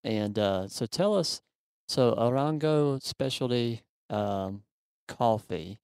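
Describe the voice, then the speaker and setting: A man hosting an interview, relaxed and chatty, filling his sentences with ums. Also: mid-range voice, takes it slowly, clear, resonant tone, no room sound, studio quality. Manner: relaxed, filler-heavy with frequent ums. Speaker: podcast host. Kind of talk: casual interview.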